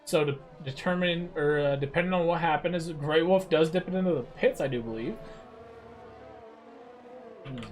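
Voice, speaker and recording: A young man giving live commentary on a sim-racing league race, explaining tactics in a steady, measured way. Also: fairly high pitch, a little hiss or hum.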